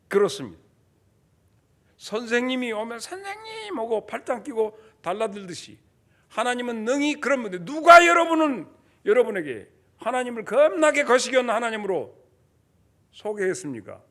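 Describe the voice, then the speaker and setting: High-voiced man preaching a folksy sermon. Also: sing-song, fairly bright tone. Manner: folksy, acts out quick voices of fathers and teachers, leads congregation responses. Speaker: pastor. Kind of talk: lively sermon.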